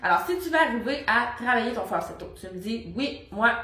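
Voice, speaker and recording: A woman's voice: a little high, animated, brisk, bright, forceful tone. A young adult woman with a Québécois French accent, a voice coach explaining technique casually with many fillers and brief sung demonstrations. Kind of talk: vocal lesson to camera. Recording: roomy echo.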